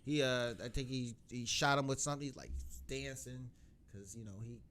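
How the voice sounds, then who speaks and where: A man co-hosting a podcast in casual chat, talking in a lively, joking way and acting out quotes. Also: mid-range voice, normal speed. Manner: animated, laughing, acts out quotes. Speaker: podcast co-host.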